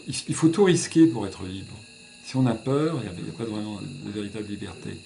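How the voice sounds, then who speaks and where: Speaking fast with vocal fry, this man's voice is on the low side and warm in tone. He belongs to a religious order and answers interview questions earnestly, reasoning aloud as he goes; the distant mic picks up room echo and slight background noise.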